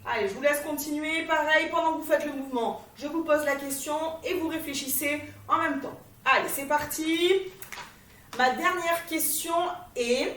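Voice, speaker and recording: A woman fitness instructor guiding a warm-up class, giving encouraging step-by-step cues while she exercises. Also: sits high. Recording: echoey room, voice from a distance.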